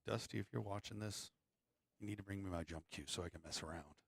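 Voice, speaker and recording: Man, live-stream pool commentator, relaxed and joking, low gravelly voice, close dry sound. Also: quick pace, no room sound. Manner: chatty, joking, apologetic asides to viewers. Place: pool hall.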